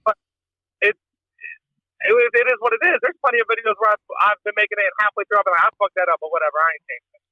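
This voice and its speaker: Brief: man, podcast guest, rapid rambling crude humor, bright tense tone, dry close sound. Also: high-pitched, fairly even intonation, no room sound, muffled recording. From Pennsylvania. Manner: rambling, profane, joking storyteller. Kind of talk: casual chat.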